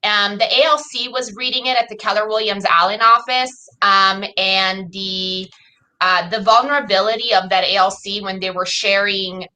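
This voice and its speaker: A woman's voice: mid-range voice, steady tone, moderate pace, sharp tone, low-quality recording. A woman with an Italian accent, a podcast guest talking in a chatty, rambling, enthusiastic way. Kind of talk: casual chat.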